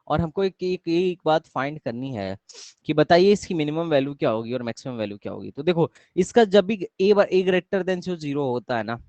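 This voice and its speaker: A man's voice: on the high side, a little mellow, no echo. A young man teaching math in a live online class, often quizzing his students and repeating his questions. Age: young adult.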